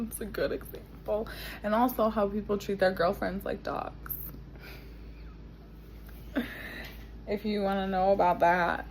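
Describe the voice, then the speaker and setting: A woman with a mid-pitched, gravelly voice rambles casually, thinking aloud in slangy, sweary phrases. There is faint noise behind her. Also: low-quality recording. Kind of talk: casual rambling chat, reminiscing.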